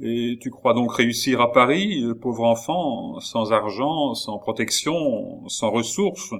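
A man's voice: mid-range voice, animated, slow, creaky, full character voice. A man reading an audiobook, voicing a cheerful, good-natured young army captain who speaks frankly and kindly. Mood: friendly. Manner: warm-hearted, frank. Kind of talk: audiobook character voice.

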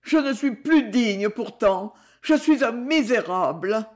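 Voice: mid-range voice, animated, takes it slowly, pitched above the performer's own voice. A reader voicing a dying young man in an audiobook, who talks in trembling, breathless pleading. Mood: feverish pleading. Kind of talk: audiobook character reading.

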